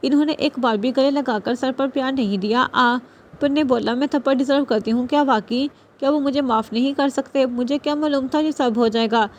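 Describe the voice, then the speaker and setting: A woman's voice: high voice, lightly acted. A woman voicing a sulky, wounded young woman in a novel reading, petulant and hurt. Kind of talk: audiobook character reading.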